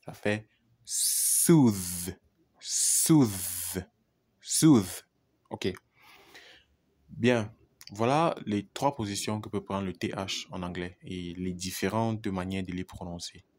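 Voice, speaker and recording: A man teaching English pronunciation who repeats each example word deliberately and addresses the viewer informally. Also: sits low, fairly even intonation. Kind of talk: pronunciation lesson.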